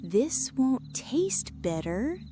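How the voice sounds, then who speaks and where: A woman's voice: high voice, big pitch swings, very slow, voice pushed up, full character voice. A woman storyteller voicing a cheerful, self-satisfied little male tailor in a fairy tale. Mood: contented. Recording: music behind the voice.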